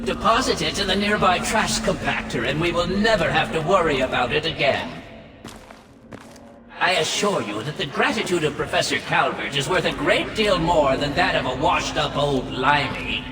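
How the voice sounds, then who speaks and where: A man's voice: a little high, animated, normal speed. A man playing a pompous, condescending disembodied villain professor in a video game, his voice reverberant and theatrical. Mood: smug scheming. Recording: echoey, long reverb, distant, music behind.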